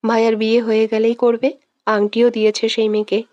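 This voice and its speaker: A woman's voice: fairly high pitch, monotone, fairly quick, warm tone, dry recording, lo-fi sound, natural voice. A woman voicing a jealous young woman who sobs, pleads and accuses her beloved in a romantic audio story. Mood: tearful, accusing. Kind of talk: scripted audio drama reading.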